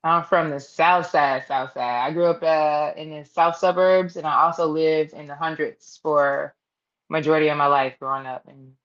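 A woman's voice: low-pitched, steady tone, moderate pace. A young woman from Chicago, a guest comedian chatting casually over a video call with headphones. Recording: dull lo-fi video call audio.

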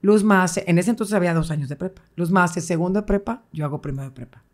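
Middle-aged woman, interview guest, lively storyteller. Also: fairly low pitch, quick pace. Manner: animated, acts out quoted voices, laughs often.

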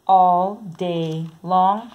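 A woman reading a children's picture book aloud in a slow, sing-song way, saying the repeated sounds softly. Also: lowish voice, fairly even intonation, narrow, tinny audio. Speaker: storybook reader.

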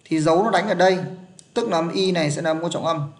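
A man's voice: a little high, fast. A man, teaching an English pronunciation class online and patiently checking that his students are following.

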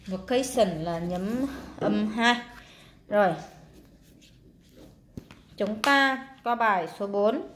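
A woman's voice: medium pitch, slight background noise. Woman teacher explaining a workbook lesson. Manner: explains step by step with frequent fillers; reads words slowly and stresses syllables. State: tired. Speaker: English teacher.

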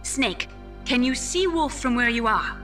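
A woman's voice: fairly high pitch, expressive, unhurried, bright, forceful tone, faint music behind. A woman playing a cool, knowing military adviser in a video game. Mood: grave. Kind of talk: dramatic video game acting.

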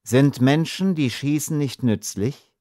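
A male narrator voicing a calm, dignified Native chief who speaks coolly and politely in an audiobook. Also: medium pitch, no room sound, studio quality, pitched above the performer's own voice, natural voice. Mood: polite probing. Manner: cool, measured, polite.

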